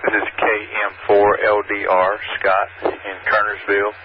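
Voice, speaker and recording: A man checking in to a ham radio net, heard through a radio transmission with static, giving his call sign and location in a flat, low-key way. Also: a little slow. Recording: thin phone-like radio audio with faint static from a distance.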